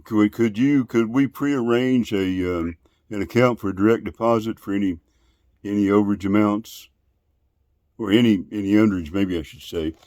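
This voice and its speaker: A man in casual phone conversation, asking questions in a polite, deliberate, long-winded way. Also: lowish voice, darkish tone, no echo. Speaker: call recipient.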